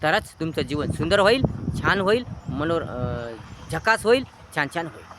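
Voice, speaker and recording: A man's voice: on the high side, sing-song, moderate pace, noisy background. A man giving a moral sermon, stacking short commands one after another. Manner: repetitive, list-like exhortation. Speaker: moral speaker.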